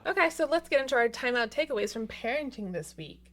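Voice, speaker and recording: A woman's voice: fairly high pitch, expressive, quick pace, fairly bright tone. A woman in her thirties co-hosting a podcast, chatting casually and gushingly with lots of filler words. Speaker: podcast co-host. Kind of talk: casual chat.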